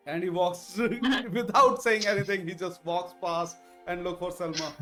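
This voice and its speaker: A man playing a tabletop game, describing his character's actions slowly and hesitantly. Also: high-pitched, fairly even intonation, over music. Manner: slow, hesitant narration of his character's moves. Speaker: player.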